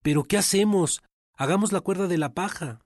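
A man's voice: on the high side, normal speed, a little mellow, dry recording, clean studio sound, voice pushed up, natural voice. A man voicing a group of tired male servants who complain about their master. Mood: grumbling. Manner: complaining, exasperated.

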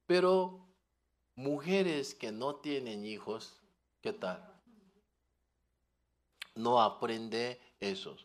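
A man preaching a sermon, often asking the congregation questions and telling lively everyday stories. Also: fairly high pitch. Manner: questioning the audience, animated storytelling.

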